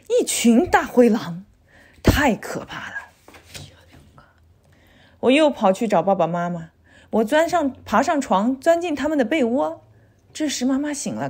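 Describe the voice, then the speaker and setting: Woman storyteller for a children's read-aloud, lively intonation, clear delivery. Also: on the high side.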